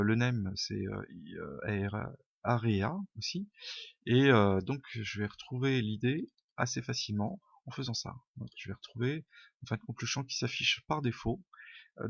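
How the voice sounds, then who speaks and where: A man's voice: mid-range voice, creaky, no echo. A man giving an unscripted coding tutorial over a screen recording, thinking aloud with many fillers and an informal, self-deprecating way of talking. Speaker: programming tutor. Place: home room. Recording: dull lo-fi home mic, dry.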